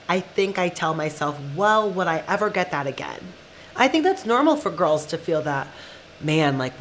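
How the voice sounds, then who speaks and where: A woman's voice: low-pitched, a bit bright, a little hiss or hum, low-quality recording. A woman in her thirties hosting a podcast, talking earnestly and confidingly in a candid solo monologue, with plenty of "like" and "you know". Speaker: podcast host.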